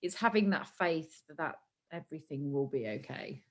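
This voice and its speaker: A woman's voice: low-pitched, animated, normal speed, lo-fi sound. A young woman co-hosting a podcast, chatting openly and emotionally, laughing often. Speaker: podcast co-host. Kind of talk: casual chat.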